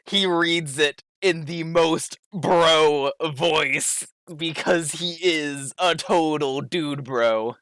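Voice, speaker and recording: A man's voice: a little high, extremely slow, few pauses, a bit bright, clean tone, dry recording. A man narrating a tabletop game casually as the game master.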